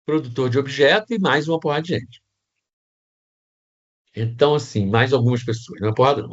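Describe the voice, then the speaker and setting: A man's voice: medium pitch, highs cut off. A man with a Brazilian Portuguese accent teaching set design in a casual online class, rambling with restarts and many tag questions.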